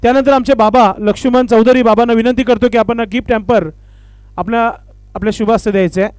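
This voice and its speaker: A man doing live commentary and formal stage announcements at a local cricket tournament, with honorific phrases and filler pauses. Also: very high voice, fairly even intonation, a little mellow, no echo.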